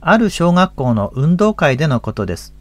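A man's voice: on the high side, big pitch swings, moderate pace, dry recording. A man in his fifties with a Tohoku accent, a pastor hosting a religious radio talk in a folksy, chatty way. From Akita, Japan. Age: 50s.

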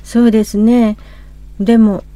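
A woman in her fifties with a Kansai accent, co-hosting a religious radio talk and gently prompting her husband. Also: fairly high pitch, little pitch movement, a little slow, no room sound. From Hyogo, Japan. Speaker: co-host.

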